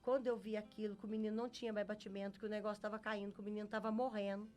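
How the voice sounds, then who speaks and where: A woman's voice: mid-range voice, flat delivery, very fast, darkish tone. A middle-aged Brazilian woman giving a faith testimony as an interview guest. She tells her story earnestly and acts out what each person said. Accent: Brazilian Portuguese. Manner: earnest storyteller who acts out quoted dialogue.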